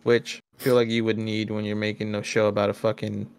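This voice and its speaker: A man's voice: lowish voice, completely flat delivery, fairly quick, creaky, clean tone. A man co-hosting a casual group reaction podcast, blunt and mocking with plenty of profanity. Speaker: podcast co-host.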